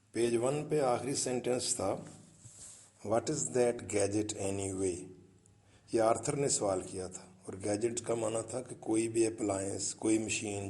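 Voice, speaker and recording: A man's voice: on the low side, a little mellow, echoey room. A man teaching English, retelling a story, then reading English lines aloud and translating them for his students, with notes on pronunciation. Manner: explains pronunciation and word meanings to students.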